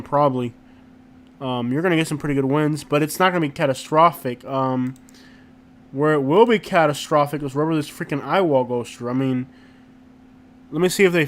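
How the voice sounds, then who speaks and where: A man hosting a casual live stream, talking in an informal, slangy and halting way and often repeating himself. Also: fairly high pitch. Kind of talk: casual live stream chat, reacting to viewers. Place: inside a rented house.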